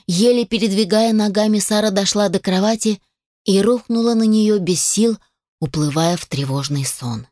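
A woman reading a fantasy audiobook as narrator in scripted narration, even and measured. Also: mid-range voice, dry recording, clean studio sound.

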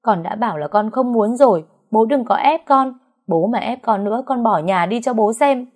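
A woman's voice: medium pitch, normal speed, dark tone, close to an everyday voice. Woman doing a tearful heartbroken young wife. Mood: defiant. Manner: crying, pleading, insistent.

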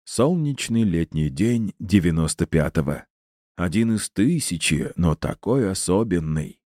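A man's voice: low-pitched, expressive, unhurried, no room sound, clean studio sound. A man voicing a gleeful, cruel male villain who taunts his captive in a theatrical, mocking way. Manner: mocking, theatrical, rising to shouts.

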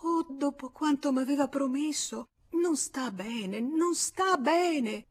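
A woman reading an audiobook, voicing a flustered refined married woman who stammers in a hushed, breathless way. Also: fairly high pitch, animated, takes it slowly, husky, pitched above the performer's own voice, full character voice.

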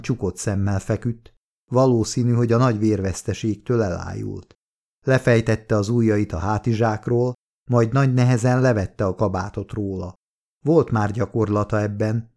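A man reading an audiobook in a steady, measured scripted narration. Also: lowish voice.

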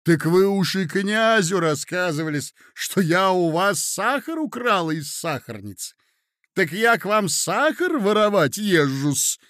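A man doing a shrill spiteful lady. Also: sing-song, unhurried, fairly bright tone, dry recording, studio quality, heavily acted. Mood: indignant. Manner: shrieking, indignant, adds a servile '-s' to words.

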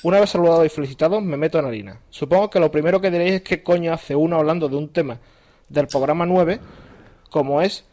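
A man's voice: fairly high pitch, fast, darkish tone. A man co-hosting a casual podcast, reading listener emails aloud in a chatty way. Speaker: podcast co-host.

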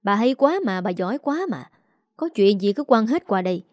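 A woman's voice: mid-range voice, expressive, brisk, dark tone, no room sound, studio quality, close to an everyday voice. A woman voicing a hot-tempered, crude grown son who roars and curses, in a Southern Vietnamese accent. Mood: grumbling. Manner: roaring, cursing.

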